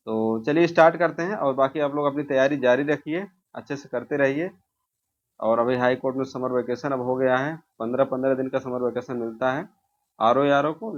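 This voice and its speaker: In a casual quiz walkthrough, a medium-voiced man asks exam questions and explains the answers on his own. The recording sounds muffled and dull, with a lo-fi quality.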